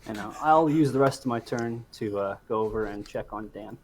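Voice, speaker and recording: A man's voice: on the low side, brisk, darkish tone. A man playing a tabletop game, stating his actions plainly. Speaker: player. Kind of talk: casual tabletop game chat.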